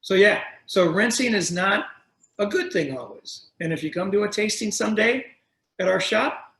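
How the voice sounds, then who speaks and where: A man's voice: high voice, expressive, normal speed, a bit bright, echoey room, low-quality recording. A middle-aged man who runs a wine shop, hosting a video-call tasting in a casual, chatty way, telling stories and correcting himself as he goes. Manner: chatty, storytelling, self-correcting. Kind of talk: casual explanatory talk.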